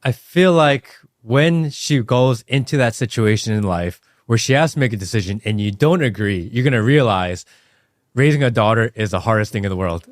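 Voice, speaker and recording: Reflective male podcast host, animated intonation. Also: fairly low pitch, normal speed. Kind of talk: podcast conversation.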